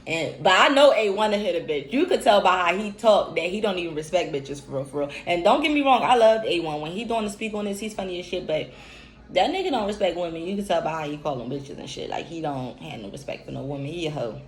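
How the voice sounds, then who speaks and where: A woman's voice: on the low side, expressive, fast. A woman, giving an unscripted, profane, emphatic reality-TV recap rant. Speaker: recap commentator. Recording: echoey room with faint hiss.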